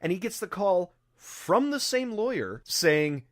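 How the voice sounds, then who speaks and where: A young man co-hosting a casual movie podcast, relaxed and agreeable, often trailing off mid-thought. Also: high-pitched, unhurried. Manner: relaxed, agreeable, many fillers and restarts. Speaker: podcast co-host. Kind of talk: casual movie review chat.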